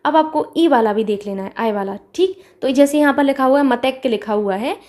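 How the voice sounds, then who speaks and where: A woman's voice: high voice, fairly quick, a little mellow. A woman teacher giving an exam-prep grammar lesson, patient and repetitive, talking straight to her students.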